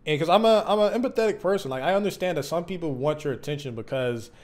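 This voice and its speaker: A man in his mid twenties with a slightly high-pitched voice gives a candid, unscripted personal vlog. He is earnest and reflective, feeling his way through his thoughts in halting, slangy conversation. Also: lively intonation, darkish tone. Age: mid 20s. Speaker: YouTube content creator.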